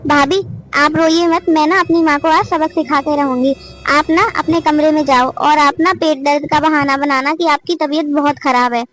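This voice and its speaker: A woman's voice: high-pitched, steady tone, moderate pace, a bit bright. A woman voicing an outspoken young cartoon sister-in-law. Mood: firm. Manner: firm, lecturing. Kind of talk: cartoon family drama voice acting.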